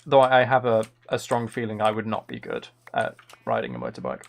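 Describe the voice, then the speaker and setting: This man's voice sits on the low side, swinging widely in pitch as he talks a little fast. Hosting a gaming livestream, he rambles casually and frequently doubts himself aloud, over clear background noise and keyboard clicks.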